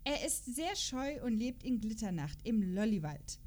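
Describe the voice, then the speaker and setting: A podcast host chats casually and reads out character profiles, breaking into playful, gushing exclamations. Her voice is a little high, sing-song and a little mellow, and she takes her time.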